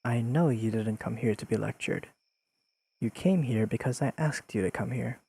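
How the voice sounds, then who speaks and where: In an intimate audio roleplay, a man plays a young friend who is deadpan and pedantic but secretly fond, addressing the listener in precise, formally worded sentences with dry teasing. The mood is dry scolding. His medium-pitched voice is slightly rough with vocal fry, at normal speed and with no echo.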